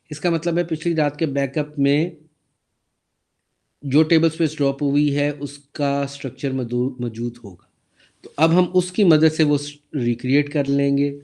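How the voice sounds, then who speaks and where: Man lecturer, sore throat, fairly high voice, walks through slides and quizzes the class. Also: darkish tone. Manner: explains step by step, asks the class questions, reads slide text aloud slowly. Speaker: database lecturer. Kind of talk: recorded lecture over slides.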